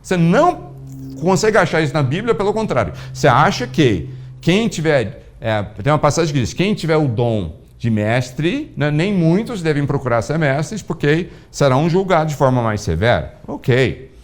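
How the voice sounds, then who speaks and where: Man, pastor, sermon, animated storytelling, lively intonation. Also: moderate pace. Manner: animated storytelling, acting out dialogue with big pitch swings.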